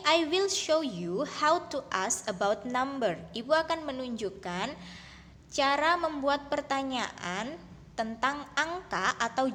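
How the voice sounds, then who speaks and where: A woman teacher with an Indonesian accent, giving a bilingual English lesson to young children, speaking slowly and clearly and repeating words for the pupils. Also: sits high, fairly bright tone, in a large hall.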